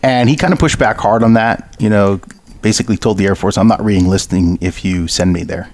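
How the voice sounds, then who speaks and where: A man guesting on a podcast, telling his faith story earnestly with frequent pauses. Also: on the low side, a little mellow. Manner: earnest, many fillers. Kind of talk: interview storytelling.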